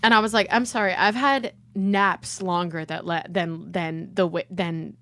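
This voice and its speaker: A woman's voice: lowish voice, steady tone, a little slow, a bit bright, no room sound. A woman in her twenties hosting a casual chat, with a brash, jokey, sweary way of talking and a habit of cutting in. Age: 20s. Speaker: podcast host.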